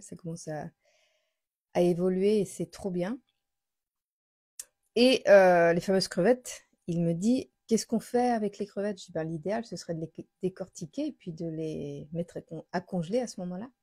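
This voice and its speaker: A woman's voice: fairly low pitch, darkish tone, husky, no room sound, studio quality. A woman hosting a live stream, telling a personal story in a casual, confiding way with many fillers and restarts. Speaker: host of a daily live stream.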